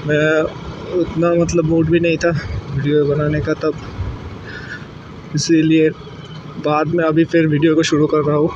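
A young man from India chatting casually while riding a motorbike through city streets, rambling with fillers. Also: a little high. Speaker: motovlogger. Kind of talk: casual motorcycle vlog narration. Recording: muffled with loud road noise.

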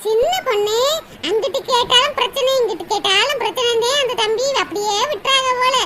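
A woman's voice: very high-pitched, fairly quick. A woman voicing chatty, consoling village women in a cartoon, with a south Tamil Nadu accent. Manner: consoling, gossipy, calls others akka and di. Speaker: neighbor. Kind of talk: cartoon voice acting. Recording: loud background noise.

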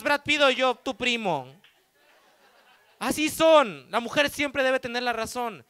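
A man's voice: extremely high pitch, bright, forceful tone, clean tone, no room sound. A man with a Mexican Spanish accent doing a stand-up comedy routine, telling crude, mocking stories with quoted dialogue on a comedy stage.

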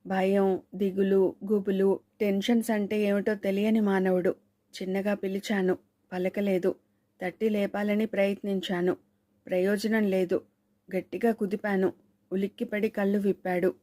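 A woman narrating a suspense novel in a measured, storytelling manner. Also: mid-range voice, flat delivery, dark tone, dry recording, clean studio sound. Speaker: audiobook narrator.

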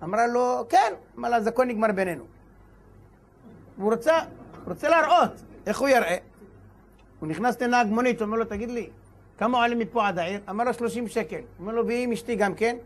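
Man rabbi, very high voice, animated sermon storyteller who acts out his characters. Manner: animated storyteller acting out dialogue and shouts. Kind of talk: sermon with told stories.

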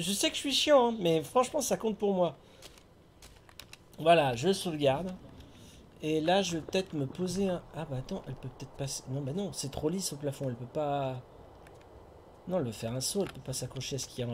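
Chatty streamer, slightly high voice. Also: male voice, fairly quick, slight background noise. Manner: chatty, talks to himself and chat, hums tunes. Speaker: streamer playing a video game. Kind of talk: casual live game commentary.

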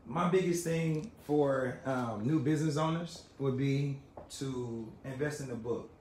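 Earnest barbershop owner in a roomy shop. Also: male voice, medium pitch, unhurried, a little mellow, slight background noise. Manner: earnest, polite, many fillers. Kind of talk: casual interview on a live video. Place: large barbershop indoors. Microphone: phone camera held by interviewer. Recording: roomy shop with faint ambience.

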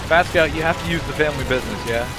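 A man's voice: on the high side, racing, music in the background, rough recording. A man teasing his friends dryly over game voice chat. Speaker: gaming friend.

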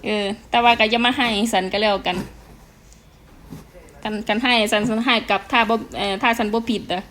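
A woman's voice: fairly high pitch, fairly even intonation, normal speed, fairly bright tone, slight background noise. Chatty Isan-accented woman vlogger. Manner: chatty, frank, laughs often. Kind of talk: casual chat to viewers.

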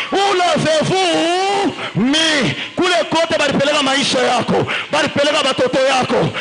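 A man preaching a fervent sermon, shouting and stretching phrases as he calls on the congregation to repeat after him. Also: very high-pitched, creaky. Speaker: pastor. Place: church during a live service.

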